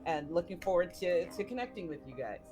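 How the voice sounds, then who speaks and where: A woman's voice: fairly low pitch, sing-song, a little fast, music in the background. A woman from Canada introducing herself as a player in a rambling, playful way. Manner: rambling and playful, with many fillers. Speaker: tabletop game player and actress. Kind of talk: casual chat introducing herself.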